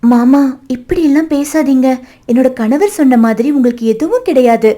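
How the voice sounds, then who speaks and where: A woman's voice: high voice, moderate pace, warm tone. A woman voicing a sweet, caring young wife. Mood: pleading. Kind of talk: cartoon voice acting.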